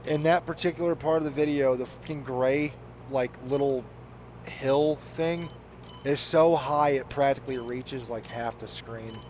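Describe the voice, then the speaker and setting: A man's voice: mid-range voice, unhurried, darkish tone, lo-fi sound, slight background noise. A man chatting casually while playing a game, rambling, laughing often and swearing freely. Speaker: gaming channel host. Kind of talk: casual commentary over gameplay.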